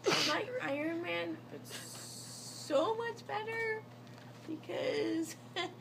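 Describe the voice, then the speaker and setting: A young woman groggy from anesthesia, rambling boastfully and casually in drawn-out words from a hospital bed. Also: very high-pitched, creaky. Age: young adult. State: groggy from anesthesia after surgery. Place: small hospital recovery room, lying in bed. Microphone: handheld phone a short way off. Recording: noisy handheld phone recording.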